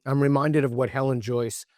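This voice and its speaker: A man speaks as an interview guest in an earnest, argumentative way, stopping and restarting his sentences as he builds a point. His voice sits at an ordinary middle pitch. The recording is dry, with no room sound. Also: fairly even intonation, a little slow, darkish tone, no room sound. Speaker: guest author. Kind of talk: interview conversation.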